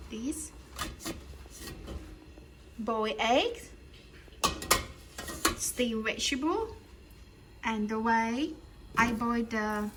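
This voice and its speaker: A woman's voice: a little high, noisy background. A woman from Thailand with a Thai accent, casually walking through a home-cooked meal in simple broken English. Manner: simple broken English, naming dishes one by one. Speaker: cooking vlogger. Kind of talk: casual cooking and eating vlog.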